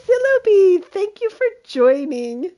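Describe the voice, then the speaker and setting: A woman's voice: very high-pitched, very animated, slow, mellow, low-quality recording. A woman streaming a video game, chatting with her audience and laughing often in delight. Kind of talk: live game commentary.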